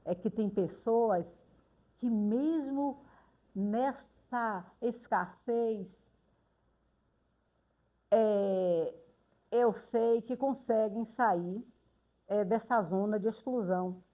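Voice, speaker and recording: An older woman, a retired teacher slowly and reflectively recounting memories in a documentary interview, pausing often. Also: fairly high pitch, mellow. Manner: slow, reflective, pauses often on "é".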